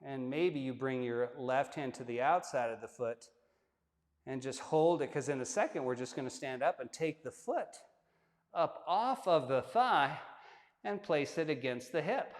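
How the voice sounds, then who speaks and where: A man guiding a yoga flow, giving step-by-step cues with relaxed, joking asides while he demonstrates. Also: mid-range voice, unhurried. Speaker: yoga instructor. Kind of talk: guided yoga class instruction. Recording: long hall-like reverb.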